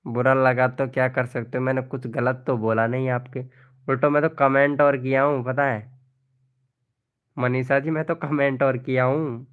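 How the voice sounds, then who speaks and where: A man's voice: medium pitch, flat delivery, moderate pace, clean tone, narrow, tinny audio. A man hosting a live stream, chatting casually as he reads out viewers' comments, calling people by name and often laughing. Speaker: live stream host promoting channels.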